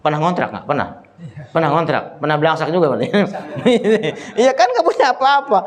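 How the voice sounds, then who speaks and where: High-voiced joking preacher man. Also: sing-song. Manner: chatty, joking, teasing the congregation by name; recites Arabic verses slowly. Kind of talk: casual religious study sermon.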